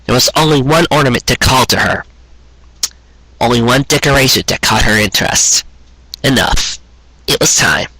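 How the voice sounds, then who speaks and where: Reading a sentimental fan-fiction romance aloud from a script, a storyteller delivers it with earnest drama, pausing often and speaking at normal speed. His medium-pitched voice sounds bright, forward and husky. The close, dry recording has no echo but is rough in quality.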